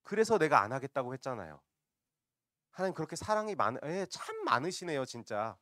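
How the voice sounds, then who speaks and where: A man voicing a petulant, sarcastic prophet who mocks and complains loudly, in a higher and louder voice than his own. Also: huge pitch swings, brisk, no echo, studio quality, exaggerated voice. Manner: mocking, whiny, sarcastic complaining.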